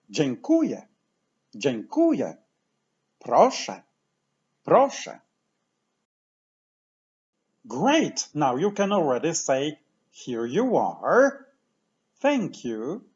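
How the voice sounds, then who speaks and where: A man teaching pronunciation patiently, saying each word slowly and repeating it for the listener to copy. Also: a little high, wildly swooping pitch, lo-fi sound. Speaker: language teacher. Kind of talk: slow, clear pronunciation lesson.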